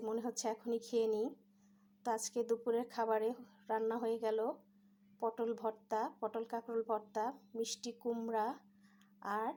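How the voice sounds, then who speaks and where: Woman doing calm cooking voiceover, mellow, flat-ish, slightly high. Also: a little hiss or hum. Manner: calm step-by-step instructions. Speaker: cooking channel host. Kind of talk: home cooking narration.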